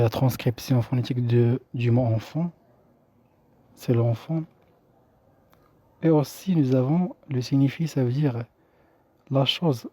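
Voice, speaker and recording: Dark husky man teaching. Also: mid-range voice, no room sound. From Morocco. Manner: explains slowly with many restarts and fillers. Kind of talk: recorded linguistics lesson.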